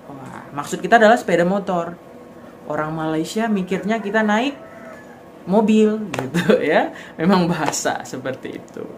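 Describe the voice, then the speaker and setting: Lower-voiced woman explaining. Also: expressive, moderate pace, slight background noise. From Aceh, Indonesia. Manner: thinks aloud, demonstrates word pronunciations. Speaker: vlogger. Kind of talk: casual explanatory talk.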